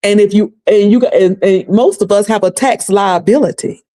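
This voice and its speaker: A woman from North Carolina with a Southern accent hosts a casual recap livestream, chatting folksily with viewers and calling them y'all and sugar. Her voice is mid-range and dark-toned, and she talks at a moderate pace.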